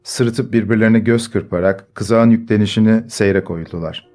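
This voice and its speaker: A man reading a story aloud in measured scripted narration. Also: fairly low pitch, darkish tone. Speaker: audiobook narrator. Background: faint music.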